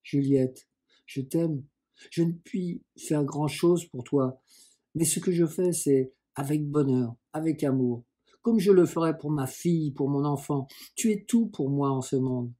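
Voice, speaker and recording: Devoted protective older sister, tender earnest tone, mellow husky voice, read by a man. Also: fairly high pitch, unhurried. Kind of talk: audiobook reading.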